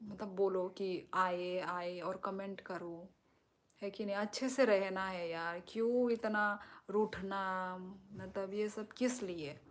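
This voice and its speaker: A woman's voice: mid-range voice, fairly even intonation, slow. A woman hosting a live stream, reading viewers' comments and reassuring them at length. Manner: talks directly to viewers, reassuring and explaining at length. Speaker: livestream host.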